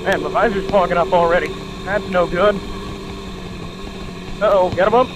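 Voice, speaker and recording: A man's voice: sits high, steady tone, moderate pace. A young man in a helmet chatting casually and joking as he rides a motorcycle in the rain. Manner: chatty, joking running commentary. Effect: muffled voice from inside a helmet. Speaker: motorcycle vlogger. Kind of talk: casual chat while riding. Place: outdoors, riding a motorcycle in the rain. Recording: loud engine and road noise.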